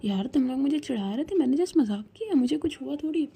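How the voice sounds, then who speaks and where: A woman's voice: high-pitched, expressive, fast talker, vocal fry, dark tone, voice pushed up. A woman voicing a spirited, teasing young female student who turns pleading and apologetic. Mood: playful. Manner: cheeky, then pleading.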